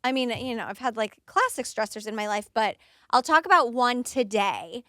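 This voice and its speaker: Bright, crisp woman in her thirties. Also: animated, moderate pace, dry recording, studio quality. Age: 30s. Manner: chatty, acts out quotes in a higher voice. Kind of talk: casual chat.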